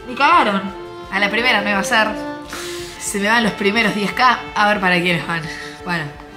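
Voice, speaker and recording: A young woman with an Argentine accent, commenting on her own gameplay, muttering softly while she plays and breaking into high shrieks. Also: normal speed, over music. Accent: Argentine Spanish. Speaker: gaming YouTuber.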